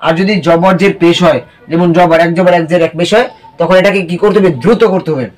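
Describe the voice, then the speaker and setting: A man's voice: sits high, fairly even intonation, fast. A man teaching Quran recitation in an online class, spelling out letters and asking questions that he then answers himself. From Bangladesh.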